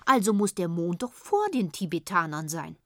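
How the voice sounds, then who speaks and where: A woman's voice: lowish voice, big pitch swings, normal speed, sharp tone, no echo, clean studio sound, heavily acted. A woman reading aloud, voicing a matter-of-fact, know-it-all uncle in a storybook.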